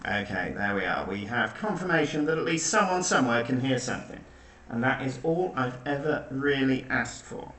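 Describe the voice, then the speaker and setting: Wry quiz host in a cave-like echo. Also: male voice, mid-range voice, normal speed. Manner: dry, wry and deadpan. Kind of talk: hosting an online quiz. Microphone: makeshift backup mic. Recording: echoey room, far from the mic.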